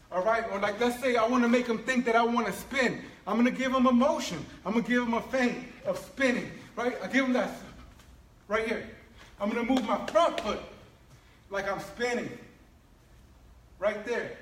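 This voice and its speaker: A high-pitched male martial arts instructor walks through feints and footwork, keeping up an animated coaching patter. His voice bounces around a roomy training space with faint ambient noise behind him. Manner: animated, coaching with frequent "right?" and "all right?". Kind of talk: instructional demonstration. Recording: echoey room with faint ambience.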